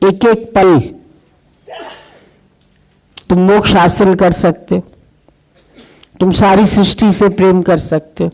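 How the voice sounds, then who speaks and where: A woman's voice: medium pitch, darkish tone, rough recording. A woman spiritual teacher delivering a devotional sermon, telling a parable and acting out its dialogue.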